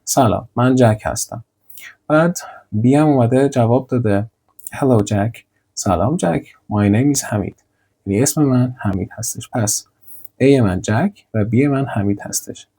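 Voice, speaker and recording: Husky, mellow-voiced man teaching a lesson. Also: medium pitch. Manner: slow, deliberate model sentences, repeating drills. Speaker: English teacher. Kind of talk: grammar lesson with slides.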